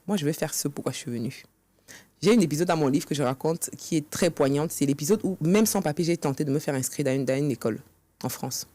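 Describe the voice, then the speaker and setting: A deep, warm-toned woman's voice, fast-talking and free of room sound, belongs to a guest author interviewed on a podcast set. She tells her own story earnestly and re-creates past conversations.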